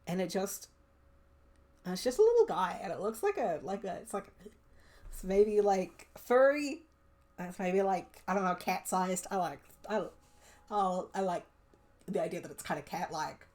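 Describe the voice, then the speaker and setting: A woman's voice: mid-range voice, expressive, normal speed, long pauses, darkish tone. A young woman streaming a solo tabletop game, reading prompt lists aloud and musing at length with many fillers.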